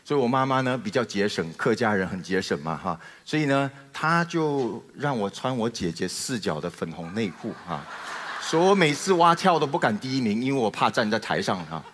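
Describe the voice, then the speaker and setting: A man's voice: mid-range voice, a little fast. A middle-aged man from Taiwan with a Taiwanese Mandarin accent, telling a humorous personal testimony as a guest speaker and acting out the dialogue with comic timing. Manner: animated storyteller with comic timing, acts out dialogue. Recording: reverberant hall.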